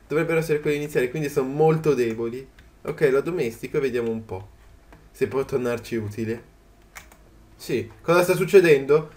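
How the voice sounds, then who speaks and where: A man giving casual commentary as he plays a video game, chatty and quick to yelp in surprise. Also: a little high, darkish tone. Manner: chatty, jumps to startled yelps at the game. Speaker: gaming channel host. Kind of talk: let's play commentary.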